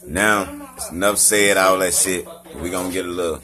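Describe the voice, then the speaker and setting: A man's voice: low voice, steady tone, moderate pace, pushed and bright. A man from Mississippi with a Southern accent, rambling and swearing on a live video. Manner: profane, rambling, keeps saying "you feel me". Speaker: live streamer.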